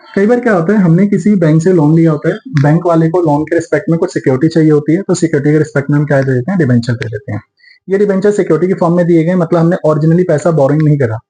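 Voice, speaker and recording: Male accounts tutor, fairly high, warm tone, Indian accent, step-by-step lecture. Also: poor audio. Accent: Indian English terms mixed into Hindi. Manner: explains step by step, slows to dictate entries. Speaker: accountancy teacher. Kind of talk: classroom lecture.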